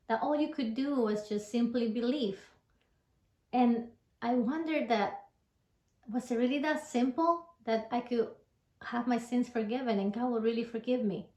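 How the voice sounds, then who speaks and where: A woman from Ecuador gives a personal faith testimony in an earnest, devout, halting way. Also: a little high, warm tone. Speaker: church member giving testimony. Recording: echoey room.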